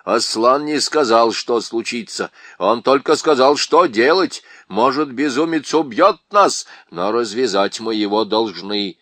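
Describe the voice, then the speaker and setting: A man's voice: medium pitch, unhurried, few pauses, a bit bright, dry recording. A man voicing a gloomy, cautious male marsh creature who speaks tersely and firmly. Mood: grim. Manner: grim, terse and firm.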